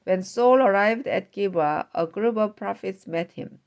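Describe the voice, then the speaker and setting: A woman reading scripture aloud at a steady pace, with small slips now and then. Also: mid-range voice, measured pace. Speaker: scripture reader.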